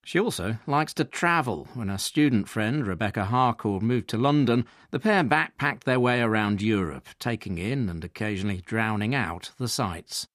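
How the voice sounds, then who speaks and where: A man reporter narrating a profile in scripted documentary style, measured and wry. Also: lowish voice, expressive, a bit bright, no room sound, clean studio sound.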